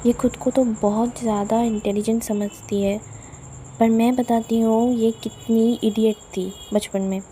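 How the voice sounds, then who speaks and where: A woman's voice: a little high, dark tone. A woman voicing a playful, bossy young woman who mocks and teases her cousin in a storybook tale. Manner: mocking, teasing.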